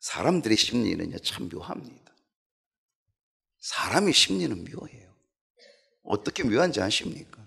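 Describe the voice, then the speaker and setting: A middle-aged male pastor preaching a sermon in an animated way, asking the congregation questions. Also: fairly low pitch, normal speed, vocal fry, long pauses, breathy edge.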